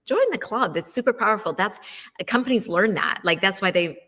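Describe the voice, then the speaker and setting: Bright chatty woman host. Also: mid-range voice, lively intonation, a little fast, in a large hall. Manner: chatty, asks listeners questions, many fillers. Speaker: wellness show host. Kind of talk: casual storytelling monologue.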